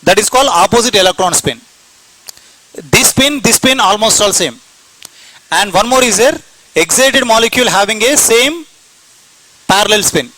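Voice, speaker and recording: Bright high-voiced Indian chemistry lecturer. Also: male voice, animated, normal speed, pauses often, low-quality recording. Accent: Indian English. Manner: repetitive, asks and answers own questions. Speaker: chemistry teacher. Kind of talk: classroom lecture.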